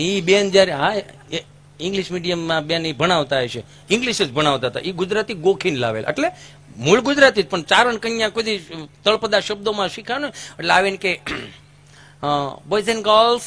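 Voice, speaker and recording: A man with a Kathiawadi Gujarati accent telling folk stories on stage as a comedian, lively and acting out the voices of the people in his tales. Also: high-pitched.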